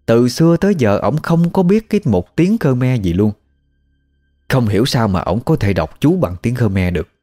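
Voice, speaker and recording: A man's voice: mid-range voice, mellow. A man with a Southern Vietnamese accent narrating a ghost story in a conversational, folksy way. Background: faint music.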